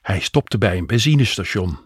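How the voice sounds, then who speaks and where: A man narrating an audio story with gentle, unhurried storytelling. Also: on the low side, lively intonation, slightly rough, no echo, clean studio sound.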